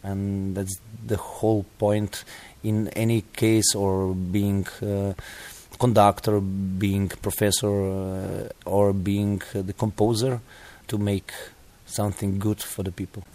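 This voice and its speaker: A middle-aged man with a Slovenian accent speaks slowly and a little low, pausing often and filling gaps with ums. He is a composer and teacher, talking about his work in careful, halting English. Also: level tone, dark tone. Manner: halting, with many pauses and fillers. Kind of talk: interview answer.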